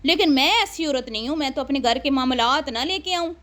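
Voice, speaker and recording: A woman's voice: sits high, lively intonation, fairly bright tone. A woman giving sarcastic, scolding reaction commentary and calling the viewer her sister. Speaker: online commentator reacting to other creators.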